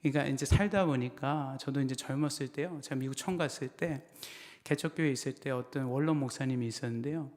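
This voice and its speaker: A man's voice: mid-range voice, fairly quick, hardly any pauses, a little mellow. Man preaching in a reverberant church. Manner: storytelling, rising to fervent preaching. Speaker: pastor. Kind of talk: sermon. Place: church sanctuary. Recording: long church-hall reverb.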